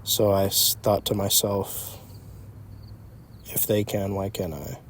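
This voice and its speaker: A young entrepreneur, early twenties, speaks slowly in a voice on the low side, reflecting casually and feeling his way through phrases in an unscripted chat. He's outdoors in an empty parking lot, with crickets and night insects chirping steadily behind him.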